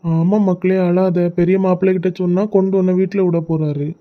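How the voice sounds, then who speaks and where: A doting cartoon father voiced by a man with a Kanyakumari Tamil lilt, talking softly and affectionately. His voice sits high for a man. The sound is a little dull and lo-fi. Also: flat delivery, a little fast, close to an everyday voice. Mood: consoling. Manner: gently coaxing, affectionate. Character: doting middle-aged father of the bride. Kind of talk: cartoon voice acting.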